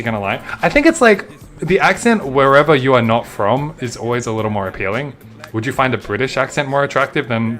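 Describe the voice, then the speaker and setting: A man's voice: medium pitch, a bit bright. Laid-back Australian man streaming a game. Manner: chatty, laid-back, swears casually. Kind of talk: casual gameplay commentary, answering chat.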